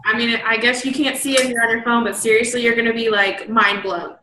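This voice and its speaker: A woman's voice: a little high, level tone, fairly quick, sharp tone, reverberant, a little hiss or hum, poor audio. A young woman hosting over a video call, asking her guest questions in an enthusiastic, gushing way and saying "like" often. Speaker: interview host and team leader. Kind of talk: casual video call interview.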